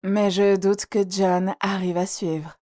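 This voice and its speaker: A woman's voice: mid-range voice, fairly even intonation, slow pace, darkish tone, close to an everyday voice. A woman voicing a cultured, playful young American singer in an audiobook, speaking politely. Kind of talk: audiobook character reading.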